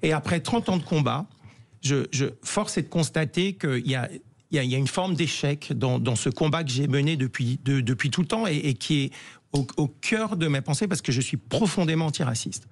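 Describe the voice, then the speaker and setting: A middle-aged man guesting on a radio interview, with a fairly high pitch and a gravelly, fry-laden edge. He speaks earnestly but haltingly, pausing often and restarting his sentences. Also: lively intonation. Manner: hesitant, many fillers and restarts, earnest. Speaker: guest, activist.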